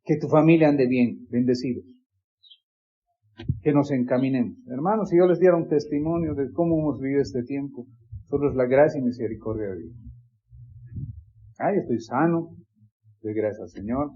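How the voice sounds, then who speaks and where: A man's voice: medium pitch, normal speed, long pauses, highs cut off. A man preaching a sermon in an earnest, pleading manner, with many repetitions.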